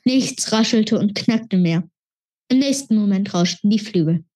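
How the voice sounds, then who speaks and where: Lady reading a kids fantasy book out loud, steady and expressive, mid pitch. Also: measured pace. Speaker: reader.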